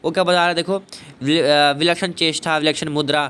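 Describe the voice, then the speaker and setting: Chatty Hindi-class teacher man, fairly high voice. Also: level tone, brisk, a bit bright, smooth. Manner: repetitive, asks and answers own questions; fillers of "thik hai" and "bhai". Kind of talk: explaining a Hindi poetry lesson. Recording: faint background noise.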